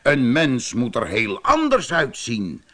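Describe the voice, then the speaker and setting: A man's voice: medium pitch, wildly swooping pitch, slow pace, bright, forceful tone, full character voice. A man voicing a small, clever male prairie dog who questions and lectures the other animals in a storybook. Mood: lecturing.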